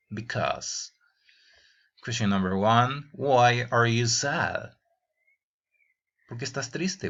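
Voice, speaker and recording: Calling his teenage students "jóvenes," a man teaches a bilingual English grammar lesson, reading each example question and translating it into Spanish. His voice is on the low side, a bit bright with vocal fry, in a dull lo-fi recording.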